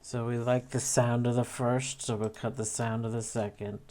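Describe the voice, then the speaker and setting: This medium-pitched man has a darkish tone, little pitch movement, and a moderate pace. Narrating a casual editing tutorial, the video editor muses and thinks aloud with tag questions as he shows an edit, keyboard clicks and typing clearly audible behind him.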